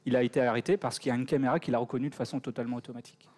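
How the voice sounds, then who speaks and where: A man with a French accent answers questions from the audience after his conference talk. His voice sits at an ordinary middle pitch, and he hesitates a lot, restarting sentences as he thinks. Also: steady tone, rapid-fire, darkish tone. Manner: hesitant, many fillers and restarts. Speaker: conference speaker. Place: conference hall.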